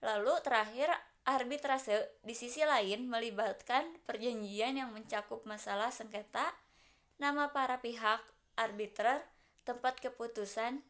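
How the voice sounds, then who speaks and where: A young woman law student reading a prepared class presentation, listing points steadily with small restarts. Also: on the high side.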